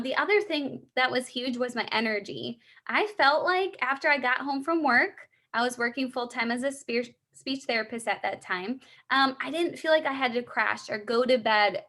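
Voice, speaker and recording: A woman's voice: fairly high pitch, normal speed, few pauses, pushed and bright. A young woman in a three-way phone call sales role-play, explaining and encouraging in an upbeat, conversational way. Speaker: supplement sales consultant.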